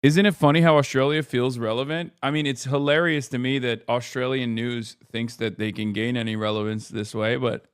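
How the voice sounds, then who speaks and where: A man's voice: mid-range voice, steady tone, fairly quick, few pauses, smooth, no echo, clean studio sound. A man streaming casual reaction commentary, sarcastic and mocking, swearing freely.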